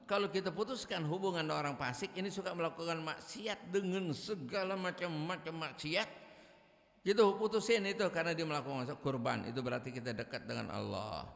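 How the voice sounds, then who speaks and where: A man's voice: on the high side, gravelly, fairly bright tone. A man, preaching in a mosque with humor and acting out quoted dialogue. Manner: jokey, acts out quoted dialogue. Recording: echoey mosque hall.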